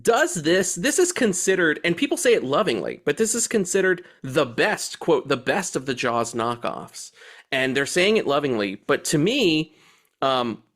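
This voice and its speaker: A man's voice: fairly high pitch, big pitch swings, normal speed, a bit bright. A man hosting a podcast, talking casually about movies, laughing and swearing freely. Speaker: podcast host.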